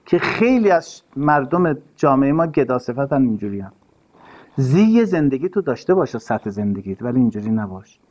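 A man's voice: medium pitch, big pitch swings, darkish tone. A man giving an earnest, sermon-style talk, stressing his points and repeating key phrases. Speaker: religious speaker. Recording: dull lo-fi recording.

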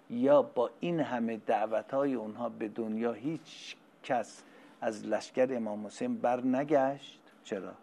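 A man preaching a religious sermon, moving from soft, low explanation to loud, emphatic recitation, building repeated lists of phrases and explaining terms word by word. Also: creaky, slight background noise.

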